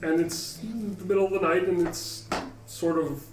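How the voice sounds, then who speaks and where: A man's voice: sits high, steady tone, unhurried. A man running a tabletop game as game master, talking loosely with fillers and laughs. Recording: roomy, distant mic, background noise.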